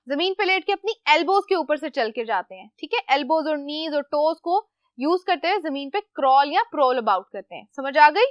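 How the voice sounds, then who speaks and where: A woman's voice: very high voice, fairly bright tone, no room sound, studio quality. A woman teacher, explaining a lesson to children patiently, asking questions and answering them herself. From Pakistan.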